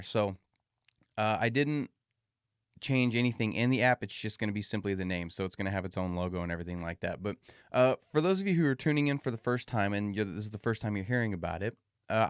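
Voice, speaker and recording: Low-voiced man hosting a casual podcast, slightly muffled. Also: clean tone, no room sound, clean studio sound. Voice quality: slightly muffled from a swollen mouth after dental surgery. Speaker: podcast host. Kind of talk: casual solo podcast talk to listeners.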